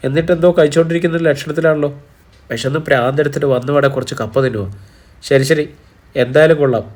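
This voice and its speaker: A man's voice: on the high side, steady tone, fast, a little mellow, lightly acted. A man voicing a caring young senior student who teasingly chides a friend over the phone in an audiobook. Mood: chiding.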